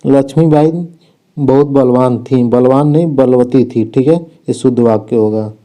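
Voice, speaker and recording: Unhurried and mellow, a medium-pitched man guides exam students through spelling and sentence corrections as their coach, closing each point with "theek hai."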